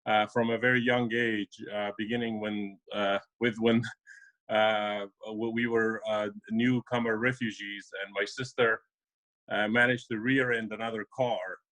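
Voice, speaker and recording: A man's voice: lowish voice, level tone, measured pace, fairly bright tone, low-quality recording. Hesitant man from Afghanistan. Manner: hesitant, many fillers and restarts. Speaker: immigration lawyer guest. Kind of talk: casual interview talk.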